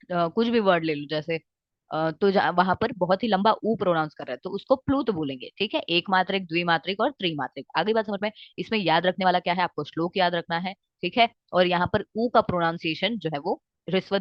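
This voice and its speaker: A woman gives an exam-focused Sanskrit grammar lecture in Hindi mixed with English words, drawing out vowels to show their sound. She checks often with "ठीक है" and "आ गई बात समझ में?". Her voice is medium-pitched, with no echo but with the highs cut off.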